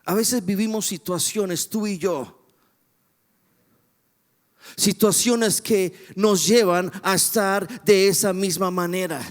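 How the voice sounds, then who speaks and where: A man's voice: sits high, takes it slowly, long pauses. A man preaching a sermon as pastor, retelling a story dramatically and putting rhetorical questions to the congregation. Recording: long reverb of a church hall.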